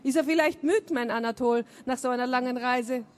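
Casual: woman reading as old village lady, chatty, giggly, kinda higher voice, mangled grammar. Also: fairly quick, natural voice. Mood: chattering. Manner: broken folksy grammar, giggling.

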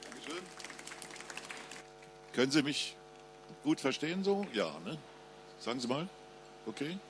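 A man's voice: medium pitch, animated, measured pace, background noise. A man, an author, chatting briefly with a live audience and then reading his crime novel aloud. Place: public book reading with audience.

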